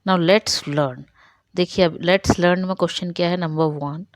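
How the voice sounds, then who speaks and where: A woman teacher with an Indian accent. She reads English questions slowly and explains them in Hindi, often asking a question and answering it herself. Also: lowish voice, fairly even intonation, dry recording. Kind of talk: Hindi-medium English revision lesson.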